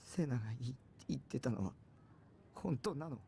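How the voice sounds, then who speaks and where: A man's voice: mid-range voice, animated, fast, vocal fry, warm tone, a little hiss or hum. A man voicing a timid, nervous teenage boy who stammers, in an anime-style game clip. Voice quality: stammering, hesitant.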